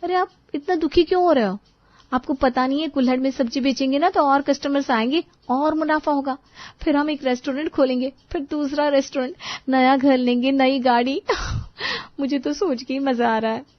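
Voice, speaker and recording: A woman's voice: high voice, fairly quick, no echo, lightly acted. A woman voicing a chatty, boastful young wife in a cartoon who dreams big. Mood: excited. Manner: excited, boastful. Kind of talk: cartoon voice acting. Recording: dull dry studio voice-over.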